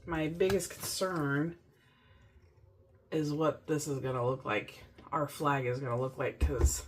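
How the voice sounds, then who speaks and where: Excitable woman hosting a craft vlog. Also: deep voice, unhurried, a little hiss or hum. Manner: gushing, excitable, talks to viewers. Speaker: crafting channel host. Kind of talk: casual DIY tutorial vlog.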